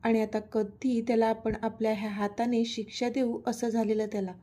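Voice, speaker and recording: A woman's voice: fairly high pitch, level tone, normal speed, mellow. A woman reading a romantic story serial aloud as narrator. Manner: reads all characters' dialogue in near her own voice.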